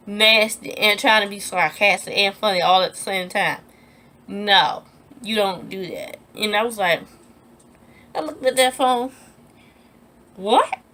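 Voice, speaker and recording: A young woman telling a personal story in a storytime vlog, animated and emphatic, acting out what people said in a raised voice and repeating herself when upset. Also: medium pitch. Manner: animated, acts out quoted lines in a raised voice.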